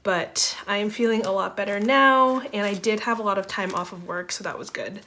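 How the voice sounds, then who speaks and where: Here a photocard-collecting vlogger, a young woman, talks casually as she sorts cards, chatty and rambling with plenty of "um" and "like." Still getting over laryngitis, she sounds slightly congested, and her medium-pitched voice is brisk with a sharp tone.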